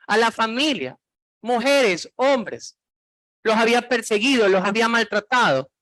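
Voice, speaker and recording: A man's voice: high voice, a bit bright, dry recording. Man preaching a sermon, dry sound. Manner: preaching with many rhetorical questions to the congregation; reads Bible verses aloud. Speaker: pastor.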